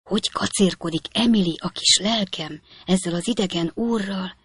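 A woman's voice: mid-range voice, husky, no echo, clean studio sound, voice pushed up, natural voice. A woman doing a coy, jealous spinster aunt. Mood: coy, fussing. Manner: simpering, flirtatious whispering.

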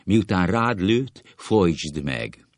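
A man voicing a flustered woman who hushes her lover and then panics, in a comic play reading. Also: a bass voice, big pitch swings, creaky, no echo, clean studio sound, heavily acted. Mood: panicked. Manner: soothing, then panicky pleading.

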